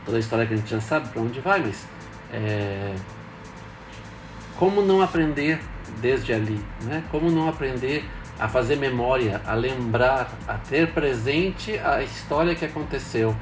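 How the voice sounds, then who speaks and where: A man's voice: medium pitch, animated, unhurried, music in the background. A man, a priest speaking in a thoughtful, hesitant way with many fillers. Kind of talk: casual reflective talk.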